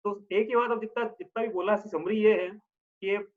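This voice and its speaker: A man's voice: sits high, steady tone, highs cut off. A man giving a patient religious lesson, explaining step by step and often checking in with his listeners. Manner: chants verses slowly in a drawn-out tune. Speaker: religious teacher.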